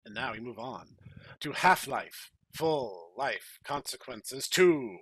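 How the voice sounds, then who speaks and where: A man hosts a podcast, chatting in a rambling, casual way and reading stories aloud dramatically. His medium-pitched voice is animated and fairly bright with a breathy edge, and he speaks slowly. The recording is dry and low in quality.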